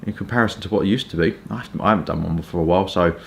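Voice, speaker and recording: Low-voiced southern English man, casually chatting. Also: creaky, fairly bright tone, slight background noise. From Kent, England. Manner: informal, chatty, hesitant with stop-start pauses. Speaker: pipe tobacco reviewer. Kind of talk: casual rambling review chat.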